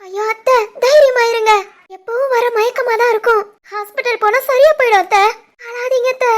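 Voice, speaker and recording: A woman voicing a gentle young wife who consoles her in-laws in a soothing, urgent way, with a Tirunelveli Tamil accent. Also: extremely high pitch, fairly even intonation, normal speed. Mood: consoling.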